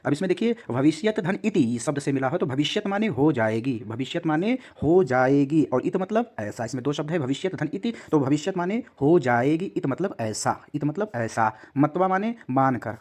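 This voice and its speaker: A man's voice: on the high side, animated, normal speed, hardly any pauses, darkish tone. A man teaching a class, going word by word and repeating each meaning, calling his students "beta". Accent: Hindi. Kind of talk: classroom lesson.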